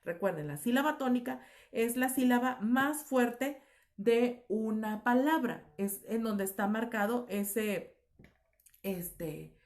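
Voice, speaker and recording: A woman's voice: on the high side, slow pace, darkish tone. A woman teaching a recorded lesson, explaining patiently with fillers and self-corrections. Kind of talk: recorded class lecture.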